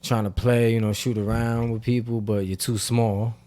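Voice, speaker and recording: A young man co-hosting a podcast, telling a story in a relaxed, casual way with fillers. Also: mid-range voice, moderate pace. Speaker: podcast co-host. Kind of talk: casual chat.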